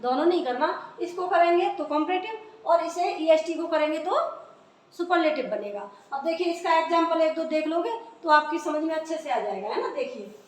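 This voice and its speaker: A woman's voice: very high-pitched, animated, moderate pace. A woman teaching English grammar in a classroom lesson, spelling words out letter by letter and answering her own questions. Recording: echoey room, voice from far off.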